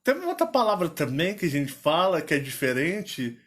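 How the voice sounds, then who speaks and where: A man with a Minas Gerais accent talks in a casual, rambling way, full of playful restarts. His voice sits high for a man and bounces around a lot. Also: huge pitch swings, brisk, a bit bright. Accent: Minas Gerais Portuguese. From Minas Gerais, Brazil. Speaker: channel host. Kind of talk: casual chat.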